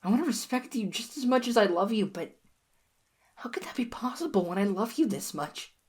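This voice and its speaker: In an audio roleplay, a woman plays an obsessive, clingy young lover, pleading softly to the listener in a husky, whispery voice. Her pitch is a little high, her intonation lively, and she talks fast, sounding anxious.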